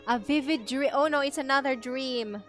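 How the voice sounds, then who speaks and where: A woman reacting excitably to a game and reading along as she plays. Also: high-pitched, moderate pace. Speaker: streamer playing a game. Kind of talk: live gameplay reaction and reading aloud. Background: game music.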